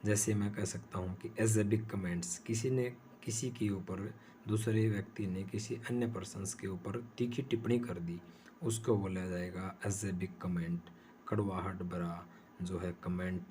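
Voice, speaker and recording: A man's voice: low-pitched, warm tone, a little hiss or hum. A man teaching English vocabulary in Hindi, explaining patiently and repeating each word and example.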